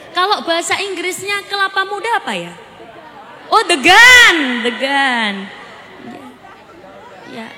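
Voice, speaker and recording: Woman preacher at a village gathering, high voice, playful and questioning, booming PA echo. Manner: lively, jokey, quizzing the audience. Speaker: Islamic preacher. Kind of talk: humorous village sermon. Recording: reverberant PA with faint crowd and noise.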